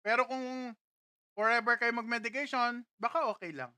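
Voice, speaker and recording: A woman's voice: on the high side, steady tone, moderate pace, pushed and bright, no room sound. A woman hosting a casual live stream from a studio, greeting viewers one after another and tasting food on camera.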